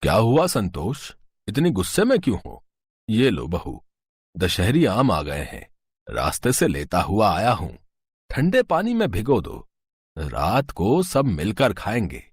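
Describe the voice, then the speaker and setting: An actor voicing an easygoing older husband and father-in-law who gently chides his stingy wife. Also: sits low, unhurried, husky, no echo, full character voice. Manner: relaxed, gently chiding.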